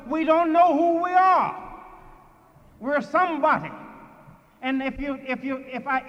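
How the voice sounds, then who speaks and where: A man with a Lowcountry Geechee accent giving an emphatic, deliberate speech in a preaching manner, with dramatic pauses and repetition. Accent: Gullah Geechee Lowcountry. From Sea Islands of the southeastern United States. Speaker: orator. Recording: dull archival recording, long hall reverb.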